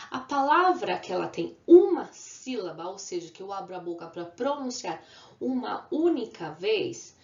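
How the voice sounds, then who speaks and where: A woman teacher, giving a video lesson to children, patiently drawing out example words and answering her own questions. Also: fairly high pitch. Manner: asks the class questions and answers them. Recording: echoey room, slightly dull sound.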